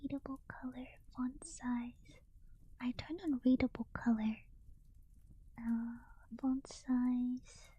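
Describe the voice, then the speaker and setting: A sleepy woman whispering softly as she chats with her stream and reads a book aloud. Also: high voice, little pitch movement, takes it slowly, breathy edge, rough recording. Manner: soft unvoiced whisper throughout. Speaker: livestream host. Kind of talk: whispered casual stream chat and reading aloud.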